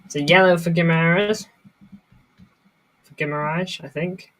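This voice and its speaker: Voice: medium pitch, fairly even intonation, unhurried, fairly bright tone, rough recording. A livestream host giving casual, off-the-cuff live football commentary while watching a match.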